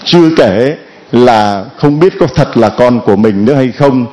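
A male priest with a dark, mellow voice addresses the congregation in church. He preaches in a measured, teaching way. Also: mid-range voice, animated, rough recording. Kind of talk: sermon to the congregation.

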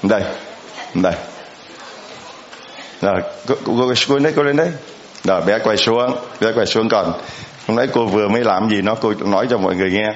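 A man's voice: fairly low pitch, a little fast, long pauses, slight background noise. Male priest, homily, chatty, questions to the congregation, echoey church, slightly muffled sound. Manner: conversational, asks the congregation questions.

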